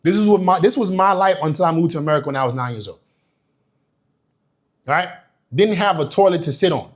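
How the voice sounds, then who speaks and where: Speaking fairly fast in a voice on the high side, a young man from Nigeria, working as a business coach, delivers a fired-up, profanity-laced motivational talk on business and repeats key points again and again for emphasis.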